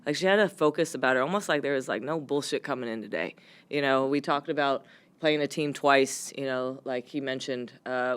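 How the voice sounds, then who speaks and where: A woman head coach answering post-game press questions, her voice hoarse from yelling, speaking candidly with lots of fillers. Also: rumbling low. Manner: candid, rambling with frequent fillers.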